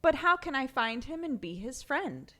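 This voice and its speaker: A woman voicing a small, eager young male beaver in a storybook read-aloud, speaking in a high, earnest way. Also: very animated, moderate pace, sharp tone, full character voice. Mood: wistful.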